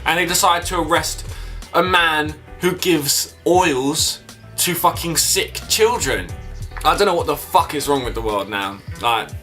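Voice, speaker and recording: A man's voice: on the high side, animated, unhurried, bright, forceful tone, faint music behind. A young man chatting casually to camera, telling a rambling, sweary story. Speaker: vlogger.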